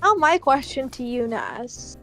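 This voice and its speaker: A woman's voice: sits high, lively intonation, measured pace, a bit bright, faint music behind. A woman in a casual online voice chat, talking chattily with frequent fillers. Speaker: stream co-host.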